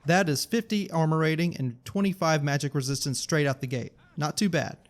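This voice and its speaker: A man's voice: a little high, fairly quick, slight background noise. A man narrating his gameplay in a scripted commentary, with wry, joking asides. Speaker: gaming YouTuber.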